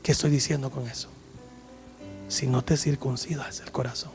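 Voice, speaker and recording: A male pastor delivering an impassioned sermon, dropping to hushed tones and rising to loud pleading. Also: medium pitch, fairly even intonation, moderate pace, vocal fry, music in the background. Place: church service.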